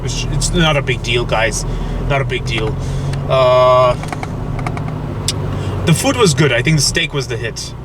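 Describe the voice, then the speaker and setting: A young Belgian food vlogger chats casually to viewers through a dashboard-mounted camera while driving, seated behind the wheel. His medium-pitched voice is expressive and unhurried, with long pauses, and he sounds hesitant, restarting often. Car and road noise run underneath.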